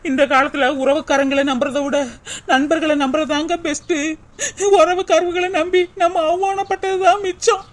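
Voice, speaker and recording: A woman's voice: high-pitched, little pitch movement, normal speed, close to an everyday voice. A woman voicing a hurt, humble young wife in a cartoon, speaking in a sorrowful, grateful way. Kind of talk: cartoon voice acting.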